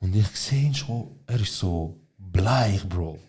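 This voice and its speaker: A man's voice: low voice, lively intonation, slow pace, a little mellow. A young man co-hosting a casual podcast, retelling a story with lots of slang, swearing and quoted dialogue. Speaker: podcast co-host.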